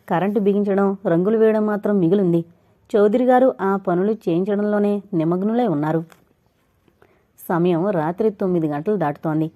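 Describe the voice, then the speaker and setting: A woman narrator reading an audio novel in a steady, measured style. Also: mid-range voice, narrow, tinny audio.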